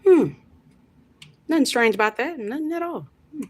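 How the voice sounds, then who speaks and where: A woman's voice: high-pitched, animated, normal speed, a little hiss or hum. A woman from Florida, ranting casually and profanely on a home livestream, rambling and talking straight to her chat. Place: at home by a window.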